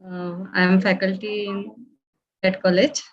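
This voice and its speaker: Indian lady teacher on a muffled online call, pretty flat tone, halting, searching for words. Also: medium pitch. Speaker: college teacher attending an online course. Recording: dull online call audio.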